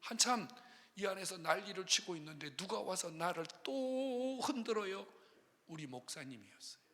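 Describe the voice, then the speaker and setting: A male pastor preaching a testimony sermon, telling his story dramatically, moving from hushed asides to loud shouts. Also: high-pitched, expressive, moderate pace. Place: prayer house sanctuary. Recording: long hall reverb.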